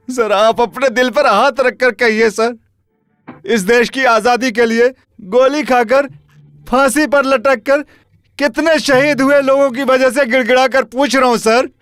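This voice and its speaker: A man's voice: very high voice, fairly bright tone, clear, resonant tone, dry recording. A man dubbing a film role as a desperate young man, passionately pleading with an official and calling him sir again and again. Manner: pleading, impassioned, repeating "sir". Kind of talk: dubbed film acting.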